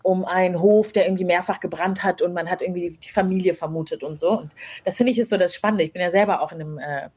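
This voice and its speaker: Husky-voiced woman chatting reflectively. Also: fairly low pitch, fast, darkish tone. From Rwanda. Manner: reflective, many fillers and hedges. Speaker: guest. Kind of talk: casual interview chat.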